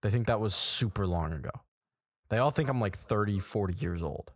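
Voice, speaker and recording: A man in his twenties co-hosts a podcast from a small room, chatting casually in a fairly low voice at a slightly fast clip. He tells animated stories and acts out people's quoted reactions, and the studio sound is clean and dry.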